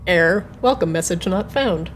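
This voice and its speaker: A woman's voice: fairly low pitch, expressive, moderate pace, slight background noise. A woman game master voicing a glitching clockwork machine that repeats clipped error messages in a tabletop game. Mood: flat mechanical. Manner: clipped, repetitive machine announcements. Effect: glitching robot voice.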